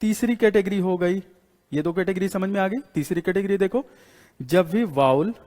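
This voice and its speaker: A man with an Indian accent teaches an English class, writing on the board, repeating each rule and firing questions at his students. His voice sits a bit high for a man. It rings with a long reverb from the hall around him. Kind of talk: classroom lecture in Hindi.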